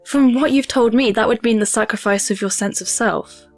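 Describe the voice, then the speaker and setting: A woman playing a stern, composed Amazon warrior heroine, measured and formal in a dramatic fan audio drama. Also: fairly high pitch, a little mellow, faint music behind, close to an everyday voice. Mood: probing.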